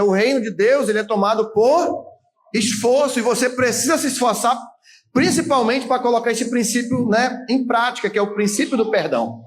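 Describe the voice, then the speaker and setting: A Brazilian pastor in his late thirties, with an extremely high-pitched voice, preaches a sermon conversationally. He uses frequent tag questions and now and then shouts for emphasis.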